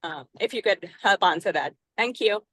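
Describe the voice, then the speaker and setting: A woman's voice: medium pitch, animated, moderate pace, sharp tone, breathy edge, no room sound. A woman, a parent, asking hesitant questions on a group call while driving her car, with many filler sounds and apologies. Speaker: parent of a gifted child. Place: inside a moving car.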